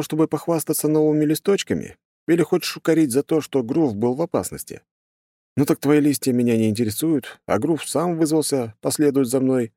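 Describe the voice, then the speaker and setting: A male narrator voicing his own cheeky first-person hero, raising his voice for mocking, quick retorts. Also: on the high side, dark tone, no echo, clean studio sound, voice pushed up. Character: cheeky young male hero, teasing and sharp-tongued.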